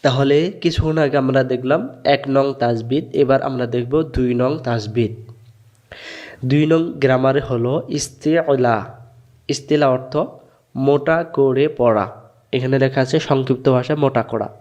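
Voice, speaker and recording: A man from Bangladesh teaching a Quran recitation lesson. He goes slowly and repeats letters over and over so learners can say them back. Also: medium pitch, a little mellow. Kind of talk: slow classroom tajweed lesson.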